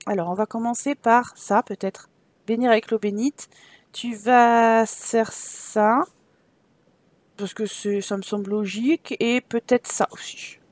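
A woman's voice: a little high, steady tone, unhurried, darkish tone, no room sound. A woman hosting a casual let's play, chatting, reading game text aloud and joking to herself.

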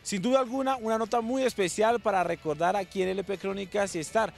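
Young man, sports host, upbeat presenting, fairly high pitch, outdoor handheld mic. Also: fairly even intonation, a little fast, gravelly, faint music behind. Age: young adult. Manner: upbeat, enthusiastic presenter delivery. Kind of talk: on-camera sports segment presenting.

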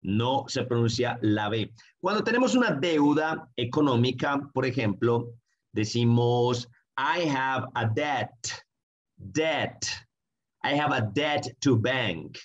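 Slow, patient male English teacher. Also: mid-range voice, expressive, lo-fi sound. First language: Spanish. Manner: friendly, slow repetitive drilling of words. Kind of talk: online language lesson.

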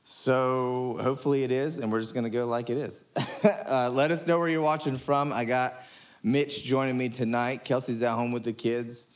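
A pastor hosting a casual church livestream talk, loose and joking, with lots of fillers. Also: male voice, mid-range voice, steady tone, normal speed. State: out of breath. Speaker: pastor and podcast host. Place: church room, on a couch.

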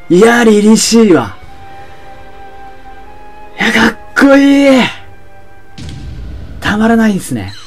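Young male game commentator, lively and excitable, voice a bit high, music faintly underneath. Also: breathy edge. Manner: excitable, shouts and laughs at the action. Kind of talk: excited let's-play commentary.

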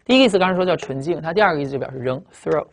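A man teaching English vocabulary in a recorded lecture, explaining fast with lots of repetition and tag questions, speaking. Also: fairly high pitch, animated, gravelly, a little hiss or hum.

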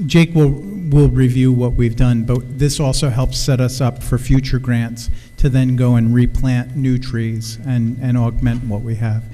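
A man's voice: medium pitch, steady tone, measured pace, hardly any pauses, mellow. A middle-aged man, a city official, introducing a presenter at a council meeting in a plain, businesslike way. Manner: plain, a few ums, businesslike. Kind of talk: meeting remarks. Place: council chamber. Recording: reverberant council chamber.

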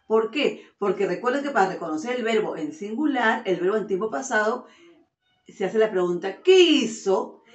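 A woman primary teacher giving a virtual lesson to young children, fondly calling them her loves and drawing out each example sentence slowly. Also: medium pitch. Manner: affectionate, calls children "mis amores"; slow, drawn-out sentences for dictation. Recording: roomy, dull lo-fi sound.

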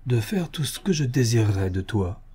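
A man voicing a sinister male hypnotist villain who gives low, slow, imperious commands. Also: very animated, dark tone, husky.

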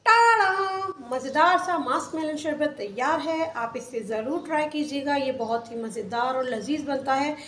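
High-voiced woman explaining a recipe. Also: animated, moderate pace, hardly any pauses, a bit bright, echoey room, a little hiss or hum. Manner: chatty step-by-step explaining. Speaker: cooking channel host. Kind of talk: casual recipe voice-over. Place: home kitchen.

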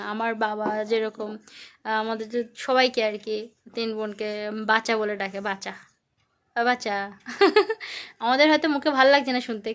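A woman's voice: fairly high pitch, fairly bright tone. A young woman talking casually at home in a rambling way with fillers, coaxing her child through simple quizzes. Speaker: vlogger and mother. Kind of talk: casual home vlog chat.

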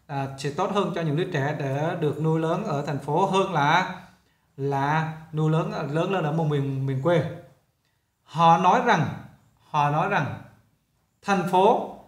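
A male English teacher, explaining a lesson in a chatty way and often repeating himself. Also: a little high. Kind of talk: casual classroom explanation. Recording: roomy echo.

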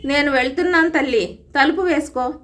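Storybook figure: a harsh, loud young husband who scolds, voiced by a woman reader. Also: on the high side, normal speed, close to an everyday voice. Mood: harsh, angry. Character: gruff domineering young husband, a coconut trader.

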